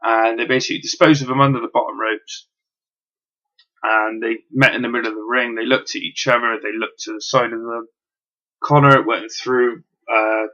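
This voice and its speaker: A man's voice: mid-range voice, sharp tone, highs cut off. A man casually reviewing wrestling, rambling with lots of ums and the odd swear word.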